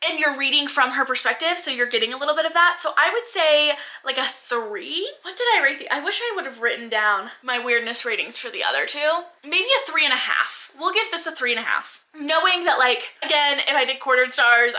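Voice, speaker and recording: A young woman with a high, bright voice talks casually to the camera about what she has been reading. She rambles in a chatty way, full of "like" fillers and side tangents. She is recorded at home on the camera mic. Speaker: book vlogger.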